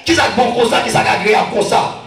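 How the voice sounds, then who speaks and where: Haitian guy preaching, very high voice, shouty and repeats himself a lot, sounds far from the mic. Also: quick pace, vocal fry, faint music behind. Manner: shouting often, repeating phrases. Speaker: evangelist. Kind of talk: preaching a sermon. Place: church sanctuary. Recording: echoey church hall from far off.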